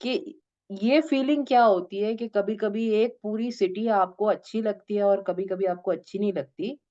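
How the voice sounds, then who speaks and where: A woman teaching a spiritual discourse to her students, gently coaxing them and slipping English phrases into her talk. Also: medium pitch, normal speed, lo-fi sound. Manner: gentle, coaxing, addresses listeners as "beta".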